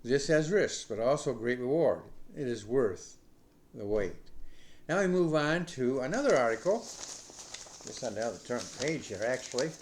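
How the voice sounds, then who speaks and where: A man's voice: mid-range voice, lively intonation, measured pace, slight background noise. A middle-aged man from the United States hosting a news commentary podcast, rambling with many fillers and restarts. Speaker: podcast host.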